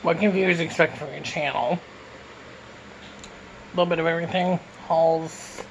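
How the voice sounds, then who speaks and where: A man's voice: a little high, fairly even intonation, moderate pace. Man talking with his mouth full, noisy room. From Canada. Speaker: YouTuber answering viewer questions. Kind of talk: casual mukbang Q and A. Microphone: phone.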